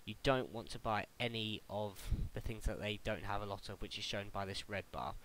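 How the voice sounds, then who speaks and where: Young British male tutorial host, lowish voice, chatty and a bit stumbly, faint hiss on the mic. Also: normal speed, a bit bright, low-quality recording. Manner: chatty, stumbles and restarts, laughs at own slips. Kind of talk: casual game tutorial voice-over.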